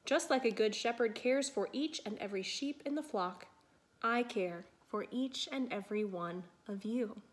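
A loving, gentle Jesus , as a woman reads the part, explains things tenderly and simply. The voice sits fairly high and stays soft and warm-hearted, fit for a children's story Bible. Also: normal speed, natural voice.

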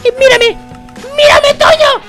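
A performer voicing a hyper little boy youtuber who teases and yells during Minecraft gameplay banter. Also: extremely high pitch, fairly even intonation, a little slow, soft background music, heavily acted. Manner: shrieky, teasing, yells often.

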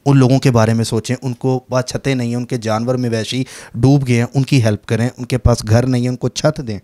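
A man's voice: medium pitch, steady tone, a little fast, mellow. A man with a Pakistani accent hosting an interview, talking in a chatty, earnest, patriotic way. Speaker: interview host. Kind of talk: casual interview chat.

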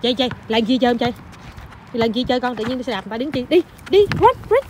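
A woman's voice: on the high side, fairly even intonation, racing. A young mother chatting to viewers while filming her toddler at an outdoor playground in the evening, teasing and commenting as she goes. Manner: chatty, teasing running commentary, mixing in English phrases. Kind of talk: casual vlog narration to viewers. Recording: noisy outdoor phone recording.

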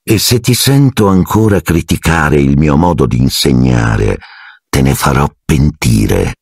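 A man's voice: rumbling low, lively intonation, measured pace, vocal fry, dry recording, clean studio sound, exaggerated voice. A man voicing a cold, sneering male teacher who speaks with icy, silky menace in an audiobook. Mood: icy contempt.

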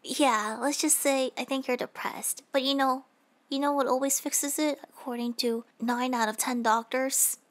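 A woman playing a high-voiced, flippant young nurse. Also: steady tone, moderate pace, a bit bright, slight background noise. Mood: flippant, chatty. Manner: casual, joking, rambling. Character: teasing, flippant young female nurse questioning a patient. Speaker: nurse in a role-play. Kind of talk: conversational comedic role-play.

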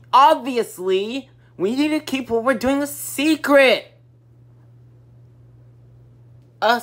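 A woman voicing a grumbly, hotheaded young male echidna for a plush toy fan show, talking loudly and insistently. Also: mid-range voice. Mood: scolding. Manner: loud, insistent and defensive.

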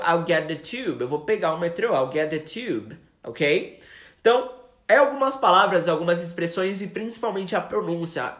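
Chatty Brazilian teacher in echoey room. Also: male voice, high voice, fairly bright tone. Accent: Brazilian Portuguese. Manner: chatty, switches into slow English examples. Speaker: English teacher. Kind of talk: casual live-stream English lesson.

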